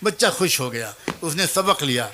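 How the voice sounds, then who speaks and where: Bright high-voiced male preacher. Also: lively intonation, slight background noise. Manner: earnest, addresses mothers and youth directly; acts out the child, teacher and mother in the story. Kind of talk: storytelling sermon.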